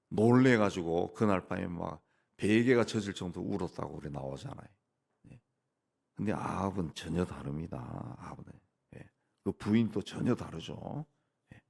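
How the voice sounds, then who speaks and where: Male pastor, plain-spoken dawn sermon, deep voice, gravelly edge. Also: a little mellow. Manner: plain-spoken, punctuates points with "예" and "막". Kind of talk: conversational sermon at a dawn prayer service. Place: church sanctuary.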